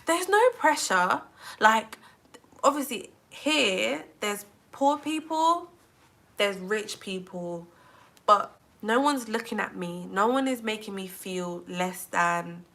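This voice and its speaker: Young woman from England, bright tone, rambling live-stream vlogger who says "like" a lot. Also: medium pitch, slow pace, creaky. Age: 20s. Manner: chatty, says "like" constantly, animated. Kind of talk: casual live-stream chat.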